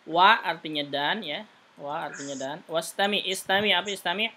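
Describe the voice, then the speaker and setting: Bright-voiced male Arabic teacher. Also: sits high. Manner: patient, explains slowly, reads Arabic phrases slowly. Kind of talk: private online Arabic lesson.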